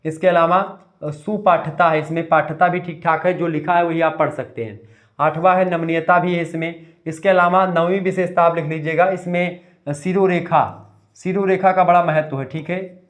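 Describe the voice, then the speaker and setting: A man's voice: fairly high pitch, steady tone, normal speed. A male teacher giving a revision lecture, asking the class questions and answering them himself, repeating key terms.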